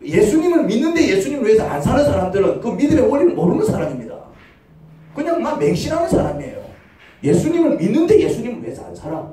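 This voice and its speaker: A man's voice: extremely high pitch, sing-song, fast talker, crowd noise. A man preaching a sermon as pastor, firing off rhetorical questions and acting out short quoted voices. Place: church sanctuary. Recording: echoey church hall, voice from far off the mic.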